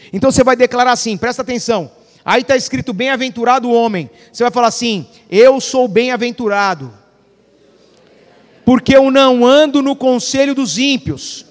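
A Brazilian man preaching with a strikingly high voice. He tells stories, plays out the dialogue and swings between loud declarations and hushed asides. His voice carries a long reverb, as in a large hall. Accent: Brazilian Portuguese. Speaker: pastor. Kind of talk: sermon.

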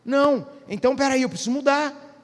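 A man's voice: very high voice, brisk, long reverb tail. A male pastor preaching a sermon, often asking the congregation questions and waiting for their answers. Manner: preaching with frequent call-and-response questions to the congregation. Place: church.

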